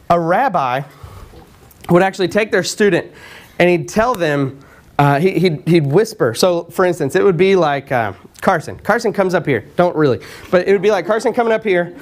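A man preaching a sermon in a conversational way, often repeating words and clearing his throat. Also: high voice. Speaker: pastor.

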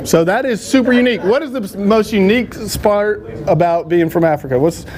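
A man's voice: sits high, brisk, a crowd in the background. A man teaching a church class in a casual, joking, rambling way. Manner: joking, rambling, self-deprecating.

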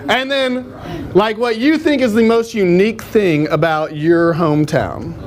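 A man's voice: sits high, a little slow, darkish tone. A man teaching a church class in a casual, joking, rambling way. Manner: joking, rambling, self-deprecating.

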